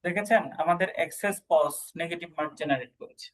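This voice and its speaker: A male tutor teaches an online class over a video call. His voice sits a little high, and he walks students through each point, often asking if they follow. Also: fast, fairly bright tone, low-quality recording. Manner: explains step by step, checks understanding often. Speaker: PTE exam instructor.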